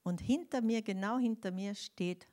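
A woman's voice: mid-range voice, moderate pace. An older woman tells her faith testimony to an audience, emotionally shaken and acting out the dialogue as she goes. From Austria. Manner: animated storytelling, acts out dialogue. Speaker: speaker giving a faith testimony.

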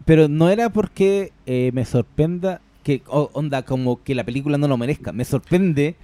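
A man's voice: fairly high pitch, normal speed, warm tone, no echo. A man with a Chilean accent co-hosting a film podcast in casual chat, slangy and full of "cachai". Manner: slangy, peppers talk with "cachai". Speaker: podcast co-host.

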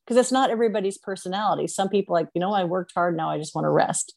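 Chatty woman in her sixties, low voice. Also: rapid-fire, gravelly, a little mellow. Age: 60s. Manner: chatty, reflective, many fillers. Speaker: podcast host. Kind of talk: casual interview chat.

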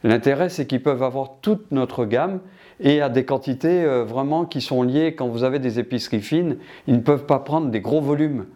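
A man's voice: medium pitch, moderate pace, mellow. An older man from Martinique answering interview questions about his business, hesitant with many restarts.

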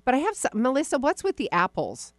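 A woman's voice: high voice, huge pitch swings, fairly quick, no echo. A woman hosting a radio call-in show, chatty and effusive, full of endearments.

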